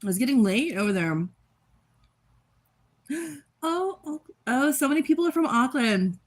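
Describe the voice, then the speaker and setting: A woman's voice: high-pitched, sing-song, unhurried. A young woman from Texas chatting casually on a livestream, rambling and laughing, just woken up and eating while she talks. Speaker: livestream host.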